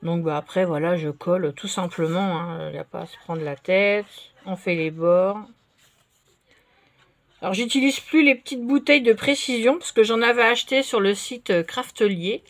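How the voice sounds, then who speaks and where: A woman's voice: mid-range voice, moderate pace, no echo. Chatty woman crafting at home. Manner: chatty and relaxed, with many fillers. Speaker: craft vlogger. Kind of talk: casual crafting chat. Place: indoors at a craft table.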